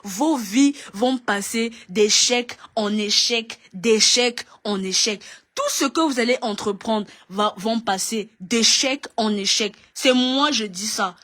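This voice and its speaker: A woman's voice: on the high side, slow, fairly bright tone. A woman ranting in a video, scolding and mocking with lots of repetition. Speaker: online commentator.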